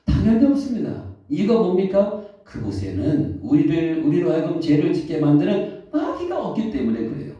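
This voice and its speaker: A man preaching a sermon as pastor, questioning the congregation and answering himself, reading scripture slowly. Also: fairly high pitch, huge pitch swings, mellow. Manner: reads scripture slowly and deliberately. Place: church sanctuary. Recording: echoey hall, distant, dull mic.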